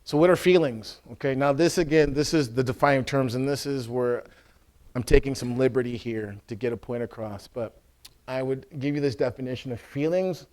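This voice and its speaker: Priest giving a lively teaching talk. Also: male voice, mid-range voice, moderate pace. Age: adult with a school-age son. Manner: checks in with listeners, acts out scenes loudly.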